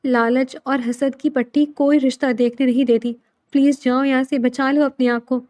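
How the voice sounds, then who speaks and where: A woman's voice: high-pitched, flat delivery, darkish tone, close to an everyday voice. A woman reading a frantic protective mother. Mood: imploring. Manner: urgent, imploring. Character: anxious middle-aged mother, protective.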